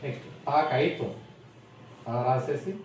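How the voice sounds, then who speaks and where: A man's voice: mid-range voice, moderate pace. A man teaching a Tamil script lesson, explaining each step patiently and asking simple questions as he goes. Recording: echoey room, mic at a distance, faint noise.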